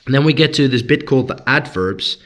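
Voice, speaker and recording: A man's voice: medium pitch, animated, a little fast, a bit bright. A man with a Dutch accent teaching English grammar in a recorded lesson for his students. He explains each point patiently and step by step, with frequent fillers.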